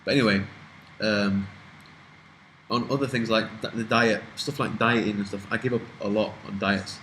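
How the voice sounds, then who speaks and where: Young british guy, twenties, lowish voice, casual rambling chat, swears a lot, faint hiss. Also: fairly even intonation, normal speed, fairly bright tone, rough recording. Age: 20s. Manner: rambling, swears freely, trails off and restarts. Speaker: vlogger answering viewer questions.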